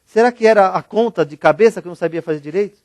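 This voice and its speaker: Middle-aged Brazilian man, motivational speaker on stage; lively, jokey storyteller, slightly high voice, dry close sound. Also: racing, no room sound. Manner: animated, jokey, addresses audience directly. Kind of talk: storytelling keynote talk.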